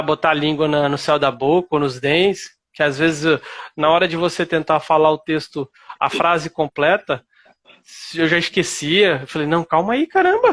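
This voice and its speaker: A Brazilian man telling a casual, animated testimonial about learning English, acting out his own past remarks. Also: a little high. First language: Portuguese. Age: adult. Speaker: English student giving a testimonial.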